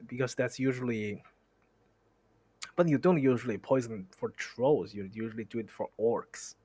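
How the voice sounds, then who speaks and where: A man's voice: mid-range voice, a little slow, dark tone, husky, no room sound. Man reading a novel aloud, dry sound. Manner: reads steadily, stumbles on words and stops to comment. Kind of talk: reading a book aloud with asides.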